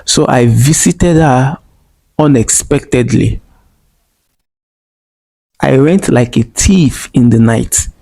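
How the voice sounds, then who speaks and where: A man's voice: mid-range voice, slow pace, vocal fry, long pauses, mellow. A man telling a personal story in a vlog, earnest and emotional, repeating phrases and speaking straight to viewers. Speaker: vlogger.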